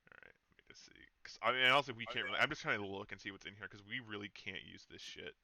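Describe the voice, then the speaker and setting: A man's voice: fairly low pitch, racing, vocal fry, no echo. A man streaming a game with friends, chatting casually and reading story text aloud. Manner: relaxed, reads story text aloud with small stumbles. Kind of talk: casual let's play chat and narration read-aloud.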